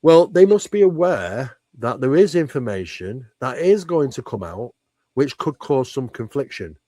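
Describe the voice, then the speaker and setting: As an interview guest, a paranormal researcher discusses paranormal topics at length, speaking emphatically and conversationally and posing many rhetorical questions. His medium-pitched voice is very animated, a little slow and mellow, captured in a dry recording.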